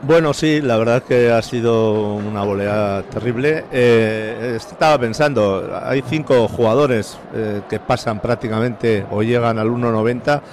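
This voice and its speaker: A man's voice: medium pitch, unhurried, hardly any pauses, darkish tone. A man giving conversational live analysis as a football pundit. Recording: noisy background.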